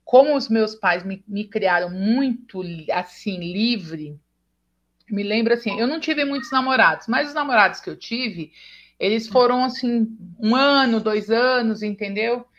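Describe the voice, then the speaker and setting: A woman's voice: on the high side, unhurried. A Brazilian woman hosting a casual chat who tells stories animatedly and acts out quoted dialogue. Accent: Brazilian Portuguese. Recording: dull lo-fi sound.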